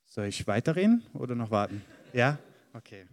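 A man's voice: medium pitch, sing-song, normal speed. A man giving a conversational sermon to a congregation, reading Bible verses aloud. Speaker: preacher. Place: church hall. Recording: long hall reverb.

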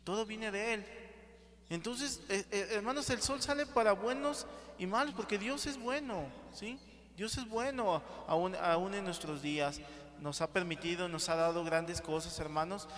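High-voiced pastor preaching in a hall. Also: male voice, unhurried, fairly bright tone. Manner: calls out to the congregation with frequent "sí?" and "hermanos". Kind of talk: sermon. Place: church hall. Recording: reverberant church hall with congregation.

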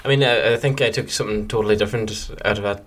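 A low-voiced man with a Donegal Irish accent talks as a podcast co-host. He chats in a casual, rambling style, with a joking streak. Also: fairly even intonation, very fast, a bit bright. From County Donegal, Ireland. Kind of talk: casual fan podcast chat.

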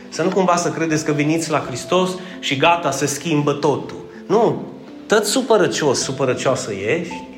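High-voiced preacher, joking with congregation. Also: male voice, a bit bright, reverberant. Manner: joking, asks the congregation questions. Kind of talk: conversational sermon with congregation call-and-response.

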